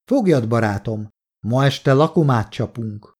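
A man's voice: mid-range voice, expressive, darkish tone, breathy edge. A man reading an audiobook, voicing a cocky young soldier who banters and teases. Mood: breezy. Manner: breezy, teasing banter. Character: cocky young male soldier, joking and brash. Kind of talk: audiobook character voice.

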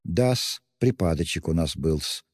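A man's voice: sits low, animated, slow pace, no room sound, clean studio sound, long reverb tail, full character voice. A man voicing a sly, fawning middle-aged male police investigator who talks in wheedling, mocking endearments.

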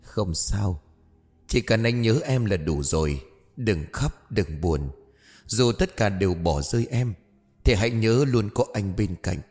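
A man voicing a soft-spoken mysterious young man. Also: on the low side, animated, moderate pace, big-room sound, soft background music, lightly acted. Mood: tender. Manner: soft, hushed and tender. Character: mysterious gentle young man, tender and calm.

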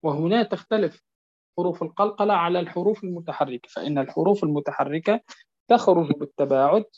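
A man teaching a Quran recitation lesson, repeating each point and often asking whether it is clear. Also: on the high side, a little mellow. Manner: drills words slowly, stretching them out. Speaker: tajweed teacher. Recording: dull lo-fi recording.

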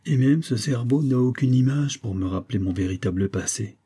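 A man reading the part of a young woman vampire, soft and earnest in a raised voice. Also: mid-range voice, brisk, breathy edge, close to an everyday voice. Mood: melancholy, pleading.

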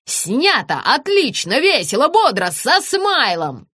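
A woman's voice: medium pitch, very animated, moderate pace, sharp tone, no room sound, clean studio sound. A woman voicing an impatient man directing a shoot, barking orders in an audiobook reading. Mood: bossy. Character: bossy shouting male film director.

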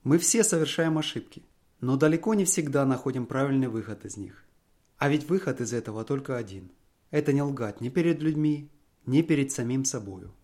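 A man calmly reading a classic short story aloud as narrator, measured and even. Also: medium pitch.

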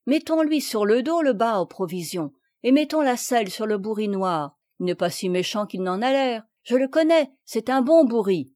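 A woman's voice: fairly high pitch, lively intonation, normal speed, hardly any pauses, darkish tone, no room sound, clean studio sound, close to an everyday voice. A woman reading aloud and voicing a kindly, talkative peasant boy with earnest country speech. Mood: earnest, consoling.

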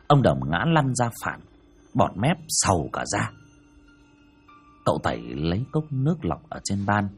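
A man's voice: on the low side, husky. A man narrating a ghost story in a dramatic, storytelling way. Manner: dramatic, rising and falling telling.

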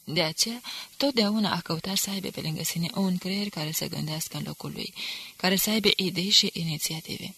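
A woman's voice: on the low side, vocal fry, a bit bright, breathy edge, no echo, exaggerated voice. A woman reading the part of a contemptuous, hard-drinking male enemy agent who speaks with cool disdain. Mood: scornful.

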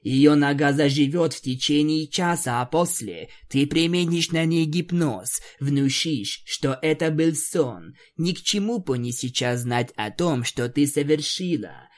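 A man voicing a cruel, commanding dark female creature who gives cold, hissing orders. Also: on the high side, unhurried, few pauses, natural voice.

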